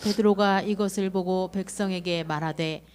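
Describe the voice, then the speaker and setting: A woman reading scripture aloud in a church, steady and measured. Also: on the low side, clear, resonant tone. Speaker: scripture reader. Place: church sanctuary.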